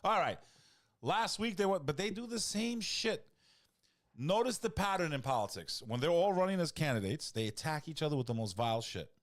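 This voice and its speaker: A middle-aged man co-hosting a live stream, chatting and joking in an animated way. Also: fairly high pitch, moderate pace. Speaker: co-host. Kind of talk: casual live-stream chat.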